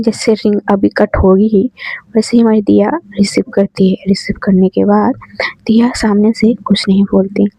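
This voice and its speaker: A woman's voice: medium pitch, gravelly, dark tone, breathy edge, dry recording. A woman casually retelling a romance story in a chatty, repetitive way, on a dull, dry lo-fi recording.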